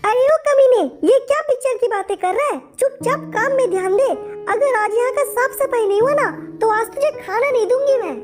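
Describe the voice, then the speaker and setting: A man's voice: very high-pitched, normal speed, faint music behind, pitched above the performer's own voice. A man voicing a cruel, scolding sister-in-law who insults and threatens a boy in a game story video.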